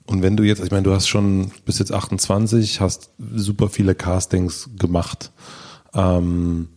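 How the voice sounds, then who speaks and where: Male interviewer, low husky gravelly voice, laid-back questioning. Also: flat delivery, measured pace, a little mellow. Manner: easygoing, probing questions.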